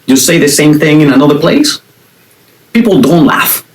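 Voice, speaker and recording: A man's voice: fairly high pitch, animated, normal speed, soft background music, low-quality recording. A middle-aged man hosting a podcast, giving a casual faith-based monologue with playful asides and jokes. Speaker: podcast host.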